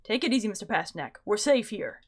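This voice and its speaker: A woman voicing a calm, secretive man who leads a hidden band of office rebels in a game, speaking in a measured, conspiratorial way. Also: mid-range voice, lightly acted. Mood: hushed formal.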